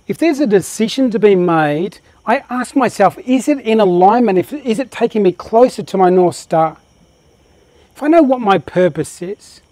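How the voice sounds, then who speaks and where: A man leads a live motivational workshop, speaking with real passion and a lot of energy. His voice sits high for a man. It sounds dry and close, with no echo from the room. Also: darkish tone. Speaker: workshop presenter.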